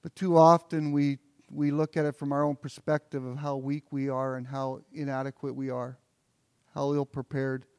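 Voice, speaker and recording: A man's voice: mid-range voice, little pitch movement, normal speed, darkish tone, smooth, dry recording, clean studio sound. A pastor preaching an earnest sermon, often repeating words as he builds toward a point.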